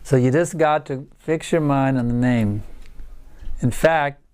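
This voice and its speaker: A man's voice: medium pitch, a little slow, darkish tone, clear, resonant tone. An older man giving a devotional lecture to a small group, earnest and emphatic, repeating words for stress. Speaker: spiritual teacher giving a lecture.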